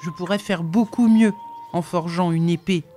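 A woman's voice: lowish voice, normal speed, dark tone, faint music behind, natural voice. A woman reading an eager, impatient young male apprentice in a pleading, protesting storybook voice.

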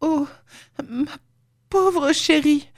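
A woman voicing a soft, emotional young woman full of pity in an audiobook. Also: fairly high pitch, normal speed, no echo, clean studio sound, pitched above the performer's own voice, natural voice. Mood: anxious pity. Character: tender, tearful young woman.

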